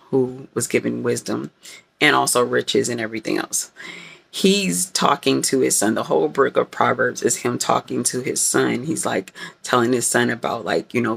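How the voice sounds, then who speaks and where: A woman's voice: rumbling low, gravelly, husky. A woman vlogger giving a casual, rambling faith talk straight to her viewers, dramatic by her own account. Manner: rambling and animated, self-described dramatic; talks to viewers directly, with frequent fillers.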